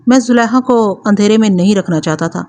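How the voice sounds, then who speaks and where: A woman storyteller giving a scripted narration of a crime story in a steady, even reading voice. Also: medium pitch.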